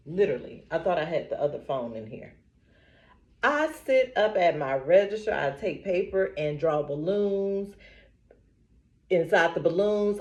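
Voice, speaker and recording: Animated woman vlogger with a lively pitch. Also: lo-fi sound. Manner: animated storytelling, frequent laughter; affirming, preacher-like repetition. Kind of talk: casual chat to camera.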